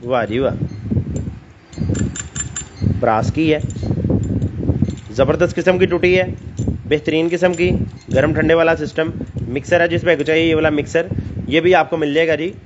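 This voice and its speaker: A man with a Pakistani Punjabi accent giving an informal live sales pitch, enthusiastic and repetitive like a teleshopping seller. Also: normal speed, long pauses. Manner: enthusiastic, repetitive teleshopping-style hawking with catchphrases. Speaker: live online seller of assorted stock. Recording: dull lo-fi audio with clear background noise.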